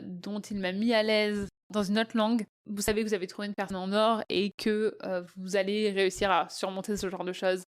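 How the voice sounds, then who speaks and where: A podcast host from southeast France speaks at medium pitch, talking casually in a friendly, conversational manner with frequent hesitations.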